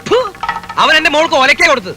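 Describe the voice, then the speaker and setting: A man's voice: extremely high pitch, big pitch swings, a little fast, over music. An actor playing a proud, short-tempered, suspicious father in a comedy film, scolding. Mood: indignant. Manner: blustering, scolding. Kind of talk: Malayalam comedy film acting.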